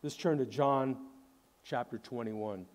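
A male pastor preaching a sermon in an earnest, conversational way, retelling scenes dramatically and dropping to a soft low voice at the ends of phrases. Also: takes it slowly.

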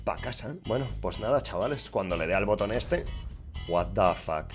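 Brief: Spain Spanish male gaming vlogger, very lively pitch, rowdy and excitable, faint music underneath. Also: brisk. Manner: excitable, swears a lot, shouts at big wins. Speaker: gaming YouTuber. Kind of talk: casual commentary while opening online skin cases.

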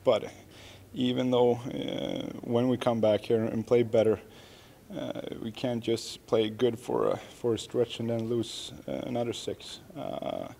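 A man in his thirties, a hockey player, answering reporters after a game in an arena press room, halting and self-critical with many restarts. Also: mid-range voice, level tone, creaky, mellow, a little hiss or hum. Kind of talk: post-game media interview. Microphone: media microphones close up.

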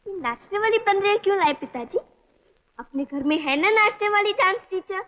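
A woman's voice: extremely high pitch, expressive, moderate pace. An actress playing a clever, outspoken young girl in an old film, cheeky and later tearful. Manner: sharp and cheeky, then pleading and tearful. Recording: dull old film soundtrack.

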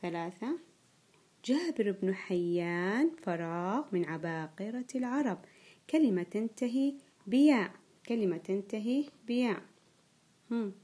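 A woman playing a primary school teacher leads an online grammar lesson. She draws out key words slowly and says them twice. She quizzes the children and praises each answer. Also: mid-range voice, animated, mellow, husky. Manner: slow, drawn-out repetition of key words; frequent praise and quiz questions to pupils.

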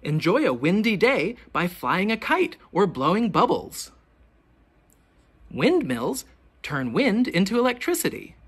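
In a husky voice, a teacher reads a children's picture book out loud, asking expressive, deliberate questions aimed at young listeners.

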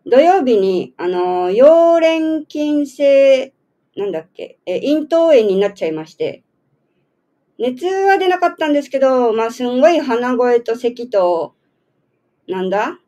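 A high-voiced woman from Okinawa, Japan, hosts a community radio show, chatting casually at a measured pace. Very animated and warm, she sounds a little nasal from a cold, laughs often, and asks teasing questions.

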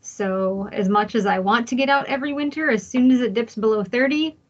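A woman's voice: fairly high pitch, fairly quick. A woman introducing herself on a video call from a home office, light and self-deprecating. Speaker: housing agency staff. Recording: dull lo-fi audio.

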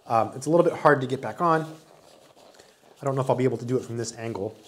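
Speaking quickly in a mid-range voice, a forties-aged man reviews a product with relaxed enthusiasm while showing it off in hand. The setting is a small room with wood paneling on the wall, with a little noise in the background.

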